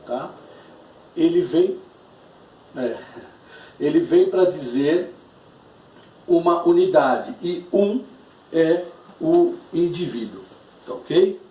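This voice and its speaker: A man gives a language lesson at an unhurried pace, repeating each key term so it sticks. His voice sits a bit high for a man. He sounds set back from the mic in an echoey room. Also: dark tone, distant mic. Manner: slow, explanatory, repeats key terms. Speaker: Spanish teacher. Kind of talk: recorded classroom lesson.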